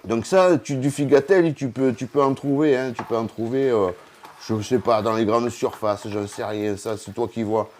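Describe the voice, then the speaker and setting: A man's voice: mid-range voice, normal speed, darkish tone, a little hiss or hum. A man hosting a casual home cooking vlog, talking chattily straight to the viewer. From southern France. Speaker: cooking video host. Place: home kitchen.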